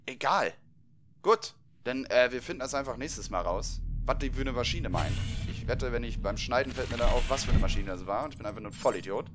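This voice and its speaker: A man's voice: medium pitch, lively intonation, a little fast, a bit bright. Jumpy, cursing let's play man. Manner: jumpy, swearing, yelps at scares; sprinkles English curses into German. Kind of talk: horror game commentary. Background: game music.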